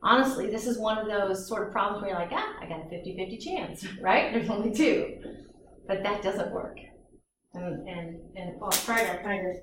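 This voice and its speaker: A woman's voice: mid-range voice, steady tone, moderate pace, fairly bright tone, slight background noise. Woman teaching a chemistry class. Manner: chatty, asks students questions. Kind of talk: classroom lecture. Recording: echoey classroom recording.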